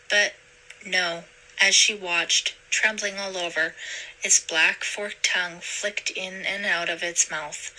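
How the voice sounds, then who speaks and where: A woman narrating a storybook aloud in a steady, measured way. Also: mid-range voice, rough recording. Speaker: storybook reader.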